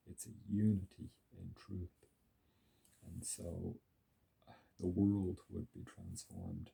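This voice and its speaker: Earnest male commentator, husky and breathy, repeats key words for weight. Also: sits low, mellow, rough recording. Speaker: religious commentator. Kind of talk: reflective religious commentary.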